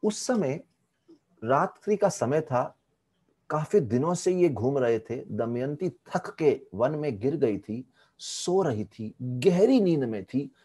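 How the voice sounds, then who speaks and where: A man telling a devotional story as a spiritual teacher, animated, with English phrases mixed in, speaking on an online video call. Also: mid-range voice, takes it slowly, slightly rough.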